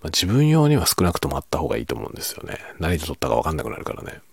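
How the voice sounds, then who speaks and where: A man chatting casually and quietly, as if late at night, in a soft, low-volume voice that sometimes drops toward a whisper. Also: wildly swooping pitch, very fast, no room sound, studio quality. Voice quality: low, gravelly, husky. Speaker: video creator and host.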